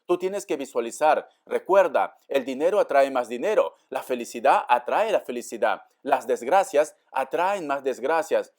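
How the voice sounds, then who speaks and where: A man giving a tarot reading to camera in a warm, coaxing way, often calling the listener dear and acting out their doubts. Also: mid-range voice, animated, normal speed, hardly any pauses. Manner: acts out the listener's doubts in quotes. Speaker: tarot reader.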